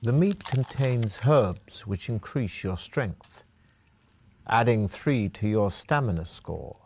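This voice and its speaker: A man narrating a fantasy gamebook adventure in the second person, in a measured storytelling manner. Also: on the low side, animated, darkish tone, slightly rough.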